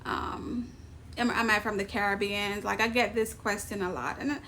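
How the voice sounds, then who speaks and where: This vlogger, a woman from Jamaica with a Jamaican accent, talks casually to camera, laughing a lot and adding emphatic asides. Her mid-range voice has a fairly bright tone and fairly even intonation at normal speed, with slight background noise.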